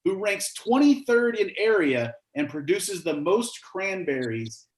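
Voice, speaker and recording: A man runs a casual trivia quiz, cracking jokes between the questions he reads aloud. His voice sits on the high side for a man. The room around him echoes noticeably. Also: very animated, measured pace. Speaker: trivia host. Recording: roomy echo.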